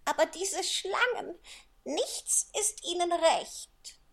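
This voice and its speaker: A man voicing a fretful, shrill female pigeon guarding her eggs in a storybook reading. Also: expressive, slow, fairly bright tone, heavily acted. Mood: aggrieved scolding. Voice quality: shrill, scolding.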